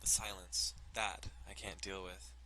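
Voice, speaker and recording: Reading a visual novel aloud for a let's play, a man speaks a little slowly in a low, level voice, casually breaking off into joking, profane comments. The audio is poor, with loud music underneath and slight background noise.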